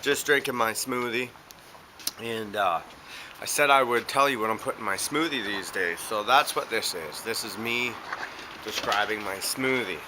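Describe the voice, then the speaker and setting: This is a casual video diary from a vlogger, a man from Canada who has a stuffed-up cold and rambles hesitantly with lots of fillers. He speaks at a moderate pace in a lowish voice, recorded in an echoey room with heavy background noise.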